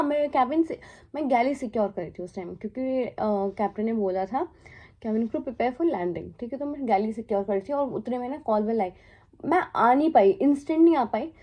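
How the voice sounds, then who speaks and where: A woman's voice: on the high side, lively intonation, normal speed. Chatty young woman telling a story. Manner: chatty, mixes English into Hindi, frequent fillers. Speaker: cabin crew vlogger. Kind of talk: casual storytelling vlog. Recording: faint background music. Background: soft background music.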